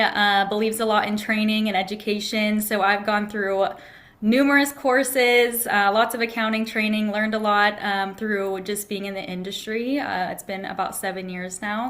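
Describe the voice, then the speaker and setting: A woman's voice: mid-range voice, fairly bright tone. Young woman chatting as interview guest. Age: young adult. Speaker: guest, consulting manager. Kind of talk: casual interview answers. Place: indoor room with whiteboard. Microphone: video call.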